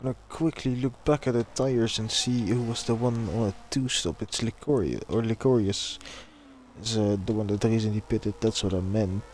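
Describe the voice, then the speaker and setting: A man's voice: on the low side, fairly even intonation, moderate pace, a little mellow, slight background noise. A man casually commentating a live sim racing stream and chatting with viewers. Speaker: race commentator.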